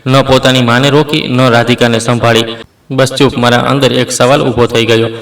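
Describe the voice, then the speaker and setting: Steady male storyteller, flat and even. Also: mid-range voice. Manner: steady, measured. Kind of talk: scripted story narration. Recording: roomy, distant mic.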